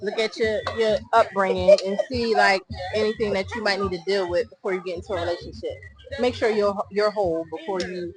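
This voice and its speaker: A woman's voice: mid-range voice, steady tone, a little fast, over music. A woman in her fifties giving earnest, reflective relationship advice in a casual chat as a podcast guest. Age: 50s. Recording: noisy crowd around.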